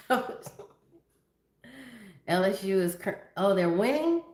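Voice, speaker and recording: A woman's voice: mid-range voice, big pitch swings, slow, a little mellow. Chatty fifty-something woman on a livestream. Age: 50s. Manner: chatty, greets viewers by name, drifts into stories. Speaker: livestream host. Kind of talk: casual livestream chat reading viewer comments. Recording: echoey room.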